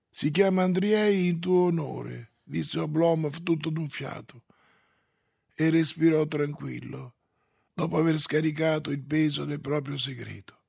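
A man narrating a classic novel for an audiobook in a measured, solemn way. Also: on the high side, gravelly, husky, no echo, studio quality.

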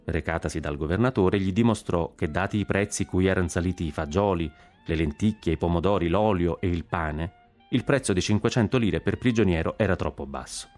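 A man narrating a literary story in a measured, expressive reading. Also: low voice, soft background music.

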